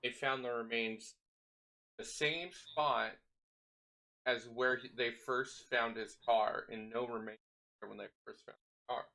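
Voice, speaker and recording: A man's voice: mid-range voice, steady tone, a little slow, gravelly, pauses often, bright, forceful tone. A young man hosting a casual podcast chat, rambling, swearing and saying "dude" a lot. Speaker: podcast host. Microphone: home microphone.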